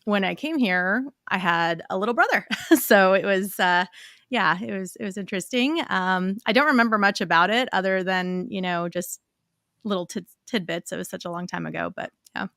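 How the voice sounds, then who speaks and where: A woman's voice: medium pitch, moderate pace, a bit bright, dry recording, clean studio sound. A woman from Chile whose first language is Spanish, chatting openly as a guest on a live stream and laughing easily. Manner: friendly, open, laughs easily. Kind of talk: casual interview chat. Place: live stream video call.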